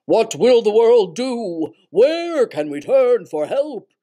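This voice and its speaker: A woman's voice: on the high side, sing-song, slow, dark tone, full character voice. A woman voicing a worried announcer asking who can save the day. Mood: anxious. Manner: anxious dramatic questions.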